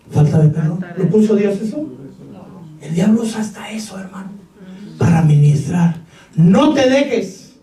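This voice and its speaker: A man with a Mexican Spanish accent preaches a Pentecostal sermon in a strikingly high voice, now and then shouting and firing questions at the congregation. The sound is echoey, as if caught from across a church hall. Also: recorded from a distance. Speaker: pastor.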